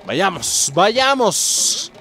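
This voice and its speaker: A man with a Mexican accent doing excitable let's-play commentary, swearing and exclaiming at the game while talking to viewers. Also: sits high, drawn-out words, soft background music. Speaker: gameplay commentator.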